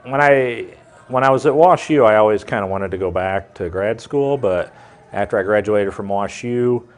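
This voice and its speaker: In a documentary interview, a man with a very low voice, an adult student who is also a manager, speaks reflectively at a normal speed and lets his sentences trail off.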